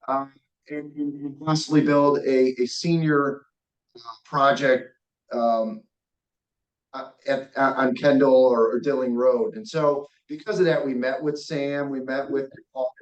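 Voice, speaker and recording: A man presenting a real estate development plan at a community meeting. He speaks haltingly and restarts often, and his audio keeps breaking up, with word endings cut off. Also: medium pitch, little pitch movement, echoey room, lo-fi sound. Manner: halting, with frequent restarts and repeated words. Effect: choppy call audio with dropouts and clipped word endings. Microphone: far from the speakerphone on a video call. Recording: distant, breaking-up video call audio.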